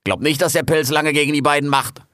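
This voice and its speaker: A man's voice: a little high, fairly quick, a bit bright, no echo, clean studio sound, close to an everyday voice. A man voicing a blunt, busy foreman who barks casual, slangy orders. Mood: brusque. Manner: brusque, casual colloquial orders.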